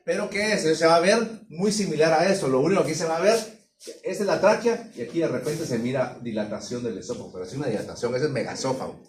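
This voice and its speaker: A man teaching a veterinary anatomy class, pausing often to check that students follow. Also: on the high side. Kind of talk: classroom lecture. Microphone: distant room mic. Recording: echoey room from far off, some noise.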